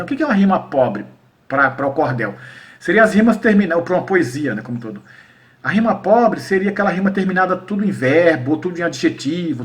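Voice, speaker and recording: A man's voice: a little high, distant mic. A man from Paraíba, Brazil, with a Northeastern Brazilian accent, explaining poetry to teachers in an informal lesson and often asking the listener to confirm he is following. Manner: explanatory, checks in often with "né?" and "tá?", recites verses slowly. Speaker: cordel poet teaching educators.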